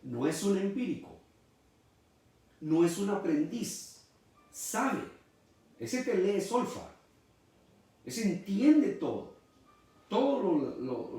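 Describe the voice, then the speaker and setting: A man's voice: high voice, darkish tone. A middle-aged man preaching a sermon as pastor, emphatic and preacherly. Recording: echoey room, mic far off.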